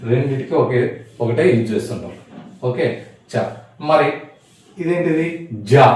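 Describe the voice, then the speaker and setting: A man's voice: medium pitch, darkish tone. Guy teaching letters, says each sound over and over, heard from across a really echoey room. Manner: repetitive, patient, sounds each letter out while writing. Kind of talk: writing-board lesson on Tamil letters. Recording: echoey room, voice from far off the mic.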